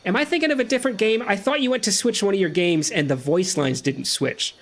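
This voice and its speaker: A man chats and jokes his way through a video game playthrough, talking to a friend as he goes. His voice sits a little high, and his delivery is loose and playful. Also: quick pace, fairly bright tone. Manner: chatty, joking, talks to a friend on a call. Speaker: gaming streamer. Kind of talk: casual let's-play commentary.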